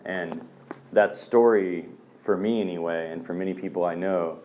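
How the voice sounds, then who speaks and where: Low-voiced man telling stories casually. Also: steady tone, moderate pace, darkish tone, a little hiss or hum. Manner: loose storyteller, fillers like "man" and "um". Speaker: speaker sharing at a recovery meeting. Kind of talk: casual personal talk.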